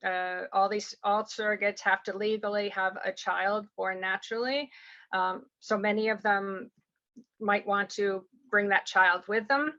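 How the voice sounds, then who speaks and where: A woman from a surrogacy agency who explains things quickly over a video call, rambling with many fillers and restarts. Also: medium pitch, steady tone, sharp tone, lo-fi sound. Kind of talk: online information session, explaining and answering questions.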